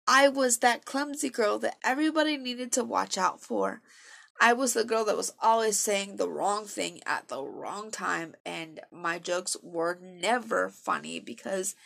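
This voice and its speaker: A woman's voice: mid-range voice, vocal fry, fairly bright tone. A young woman giving a personal faith testimony in an earnest, emotional and self-deprecating way.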